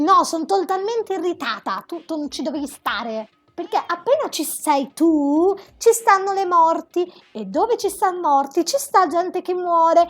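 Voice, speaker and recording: A woman commentating a video game, reading the dialogue aloud and ranting dramatically at the characters. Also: very high-pitched. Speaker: gameplay commentator.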